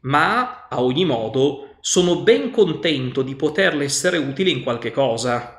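A grave, repentant noble lord speaks with solemn courtesy, as a man reading aloud plays him. He talks slowly. A roomy echo surrounds the voice. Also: medium pitch, lively intonation, a bit bright.

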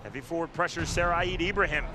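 High-pitched man calling a live fight. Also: quick pace, low-quality recording. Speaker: play-by-play sports commentator.

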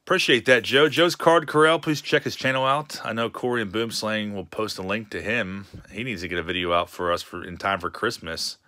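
A man's voice: fairly low pitch, a little fast, few pauses, bright, forceful tone. A man, casually chatting with a live-stream chat while opening card packs at a home desk. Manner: chatty, reads chat messages aloud with laughs.

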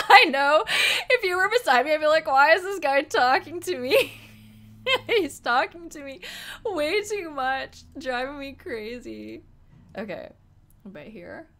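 Her voice high-pitched and getting hoarse, a giggly, excitable young woman in her twenties chats to her stream audience during a game of online poker. She's indoors at a desk in a small room.

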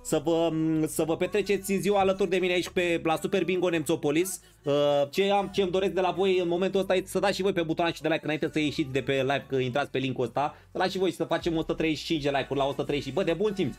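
A man's voice: fairly high pitch, few pauses, faint music behind. A man streaming a football video game live, bantering with his chat and playing up mock outrage. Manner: banters and greets viewers in chat.

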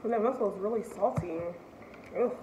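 A woman vlogger with a medium-pitched, brisk voice chats with her viewers while hosting a casual food challenge, her eyes teary from spicy food. The recording sounds roomy and slightly dull, with faint background noise.

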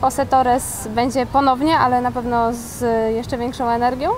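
A young woman with a fairly high voice answers interview questions in a casual, loose way, often opening her sentences with fillers. She speaks on a lapel mic in a mall studio set. Clear background noise sits behind her voice. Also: flat delivery, moderate pace.

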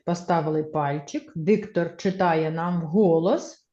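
A woman teacher with a fairly low, dark voice and measured pace leads a primary school reading lesson, encouraging the children and having them repeat words after her in chorus. The classroom sounds echoey and the audio slightly dull.

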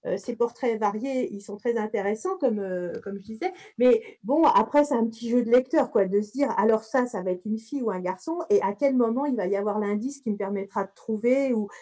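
A woman's voice: on the high side, fairly quick, hardly any pauses, warm tone. A woman moderating a literary panel, speaking with frequent hesitations. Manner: hesitant, many fillers.

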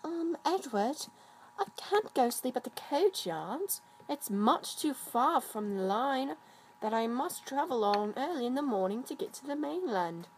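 A fretful young female engine from a toy-train story, voiced by a woman, with a high voice that swoops widely as she pleads breathlessly. A faint hiss sits behind her. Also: expressive, unhurried, poor audio. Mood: worried.

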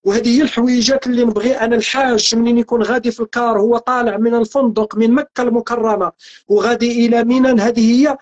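A man's voice: very high-pitched, steady tone, quick pace, a little mellow, muffled recording. A man with a Moroccan accent giving a spiritual teaching talk as a religious guest, earnest and emphatic, repeating phrases as he builds each point. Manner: earnest, repetitive, preaching emphasis.

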